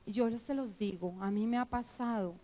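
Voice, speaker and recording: A middle-aged woman preaching at church, telling her own testimony in an emotional, animated way with many fillers. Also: on the high side, brisk, rough recording. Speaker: church teacher. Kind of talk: sermon with personal testimony.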